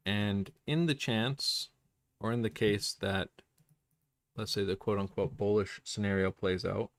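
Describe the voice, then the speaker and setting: A man's voice: fairly low pitch, fairly even intonation, a little slow, dry recording. A man hosting a trading livestream, rambling through chart commentary while thinking aloud, with plenty of fillers and restarts.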